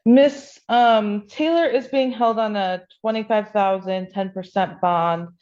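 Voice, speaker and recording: A woman's voice: mid-range voice, unhurried, a little mellow. A woman working as public defender, arguing a bond request in court and hesitating with frequent ums, heard in a courtroom recording. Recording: dull, lo-fi courtroom audio.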